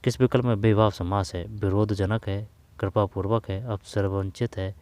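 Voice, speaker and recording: A man with a fairly low voice teaches grammar for an exam, talking casually. He repeats words and phrases as he works out each answer out loud. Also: steady tone, moderate pace, dry recording. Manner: thinks aloud, repeats phrases while reasoning. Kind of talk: casual spoken lesson, working through exam questions.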